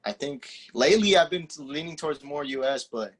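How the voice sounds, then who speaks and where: In a casual interview, this teenage footballer, a native Spanish speaker, replies in a relaxed, faltering manner, restarting often and using lots of fillers. His voice is a little high.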